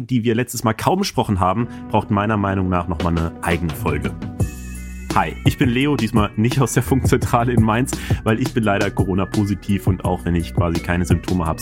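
A man hosting a podcast from home, explaining the news in a relaxed, conversational way. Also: fairly low pitch, fairly quick, over music. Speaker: podcast host. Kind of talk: podcast talk. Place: at home in isolation.

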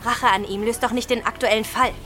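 A level-headed young woman on a case, with a fairly high voice. Her drama dialogue is firm and insistent. Music is clearly audible behind her. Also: fairly even intonation, a little fast, bright, forceful tone.

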